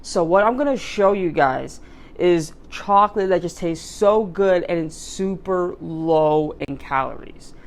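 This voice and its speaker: A young woman chatting casually through a food vlog, talkative and animated, laughing often. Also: fairly low pitch, unhurried. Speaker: vlogger. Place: in her car, then at home.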